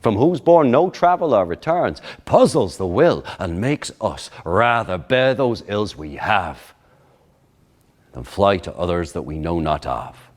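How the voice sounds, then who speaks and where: A man's voice: low-pitched, expressive. A man playing a brooding young prince in a Shakespearean monologue, speaking in an original pronunciation accent. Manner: slow, measured, brooding. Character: brooding young male prince, torn by doubt.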